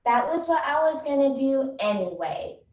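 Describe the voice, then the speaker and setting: A woman doing a flat, mumbly young actress. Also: high-pitched, moderate pace. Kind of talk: competitive humorous interpretation. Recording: echoey room, distant mic, dull sound.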